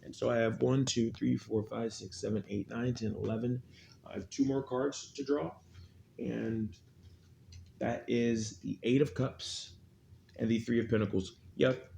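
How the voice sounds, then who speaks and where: A man's voice: mid-range voice, steady tone, measured pace, gravelly, dark tone, a little hiss or hum. A man giving an unscripted, mystical tarot horoscope reading, repeating phrases for emphasis like an incantation. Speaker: tarot reader, horoscope host.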